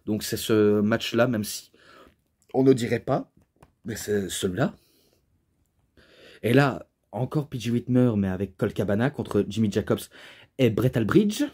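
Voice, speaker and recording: A young man talks through a wrestling DVD review in a loose, casual way. He rambles, restarts his sentences and leans on fillers. His voice is mellow and a little husky. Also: fairly low pitch, measured pace, long pauses.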